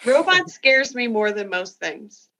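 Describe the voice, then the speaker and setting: Giggly podcast lady, bright voice, swears casually. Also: fairly high pitch, big pitch swings, measured pace. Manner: giggly, profane chatter. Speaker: podcast co-host. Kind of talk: casual chat.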